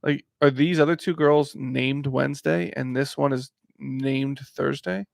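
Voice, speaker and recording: A man's voice: mid-range voice, steady tone, unhurried, gravelly, dry recording, clean studio sound. A man, co-hosting a podcast, recapping a movie with wry questions and teasing asides. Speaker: podcast co-host. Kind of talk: casual movie-recap chat. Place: small warm room, under a heater.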